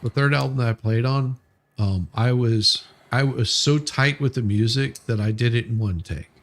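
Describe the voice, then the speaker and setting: Speaking at a medium pitch and moderate pace, a man chats casually on a livestream, telling anecdotes and repeating phrases as he builds toward his point. He is a musician who plays bass and co-hosts the livestream.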